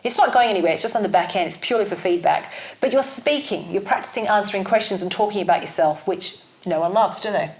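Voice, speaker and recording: A woman's voice: medium pitch, fast, hardly any pauses, reverberant, rough recording. A woman co-hosting a casual advice chat, talkative and self-teasing, laughing often and circling back as she explains. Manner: explains in looping restarts. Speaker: co-host.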